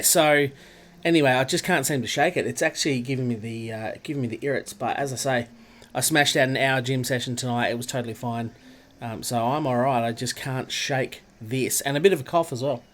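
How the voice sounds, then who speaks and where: Casual live-stream chat runs over racing gameplay as an Australian man greets his viewers by name. He speaks at medium pitch and normal speed with a fairly bright tone, nasal and stuffy from a cold. There's slight background noise.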